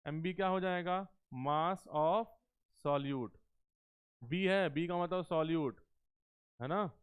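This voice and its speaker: A man teaching chemistry in a live class, coaxing students with questions and slowing down to dictate terms word by word. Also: fairly high pitch, clean tone. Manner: coaxing, keeps asking students questions and calls them beta. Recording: tinny phone-like lecture recording.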